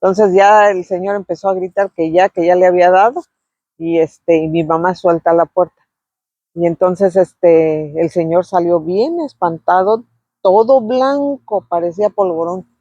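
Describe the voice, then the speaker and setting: A middle-aged woman reminisces in a relaxed, fond way, often stopping on little filler words as she tells her story. Her voice is dry and close, with no room sound. The home recording is a bit dull and lo-fi. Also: on the low side, a little slow, no echo. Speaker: vlogger sharing memories.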